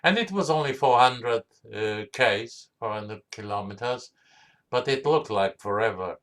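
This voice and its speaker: Slow-talking Portuguese man in his seventies. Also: mid-range voice, expressive, fairly bright tone. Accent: Portuguese with Australian tones. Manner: slow, measured, with hesitations. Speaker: guest speaker. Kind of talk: storytelling talk.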